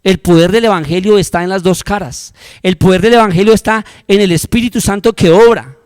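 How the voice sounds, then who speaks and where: Man, Colombian accent, pastor preaching, high voice, fervent, hushed then loud, dry close sound. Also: a little fast, dry recording. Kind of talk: sermon.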